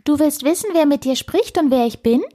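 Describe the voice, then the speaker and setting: Woman doing a squeaky cheeky squirrel. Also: a little fast, dark tone, close to an everyday voice. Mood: teasing. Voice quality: squeaky, piping. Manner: teasing, lecturing. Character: cheeky little male squirrel, squeaky and bossy. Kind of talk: storybook narration.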